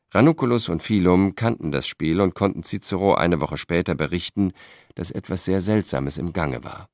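A man narrating an audiobook in a steady, measured storytelling voice. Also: sits low, gravelly, no room sound, clean studio sound. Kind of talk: scripted narration.

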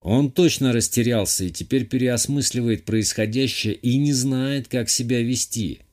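A man voicing an older male university rector, proud and weary, in a lower, gruffer voice in an audiobook. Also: normal speed, darkish tone, natural voice. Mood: grave, indignant. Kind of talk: audiobook character voice.

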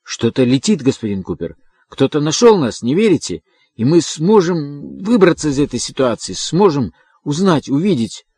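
A man voicing an anxious male engineer who hesitates and repeats himself while trying to stay calm, in an audiobook. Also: on the high side, normal speed, slightly rough, no echo, pitched above the performer's own voice, exaggerated voice.

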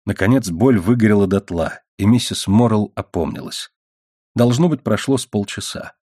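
A man narrating a novel as an audiobook, reading in a measured, steady way. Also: on the low side, slightly rough, dry recording, clean studio sound. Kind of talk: scripted narration.

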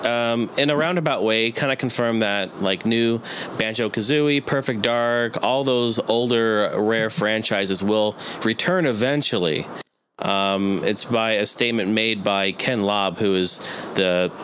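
A man co-hosting a podcast, sharing gaming news in a relaxed, matter-of-fact way. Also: lowish voice, a little slow, a little hiss or hum. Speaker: podcast co-host. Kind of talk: casual gaming news chat.

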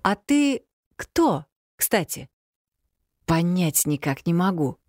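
Brief: a woman doing an invisible male spirit, slow, grumbling, low-voiced storybook guardian. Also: sing-song, a little mellow, dry recording, clean studio sound.

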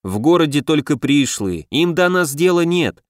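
A man's voice: fairly high pitch, sing-song, normal speed, dry recording, clean studio sound. A man voicing a lazy, sly dwarf clerk in an audiobook, drawling and mocking. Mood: grumbling.

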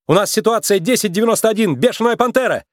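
A man's voice: sits high, animated, fast talker, no echo, clean studio sound, voice pushed up. A man reading a storybook, voicing a brave young female rabbit police officer who calls out urgent commands.

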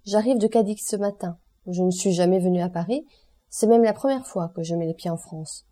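A woman's voice: lowish voice, fairly quick, mellow, close to an everyday voice. A woman reading the part of an aloof, wealthy male count who speaks in an offhand, commanding way, in an audiobook. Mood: cool, offhand.

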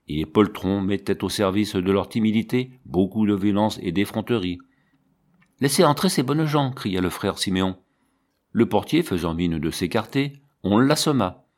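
A man narrating a literary audiobook in a measured, expressive way. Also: on the low side.

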